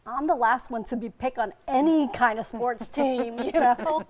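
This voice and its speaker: A woman's voice: fairly high pitch, a little slow, a crowd in the background. A woman from Vietnam, a functional medicine doctor and TV interview guest, telling her story in an earnest, heartfelt way. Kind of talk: TV interview answers.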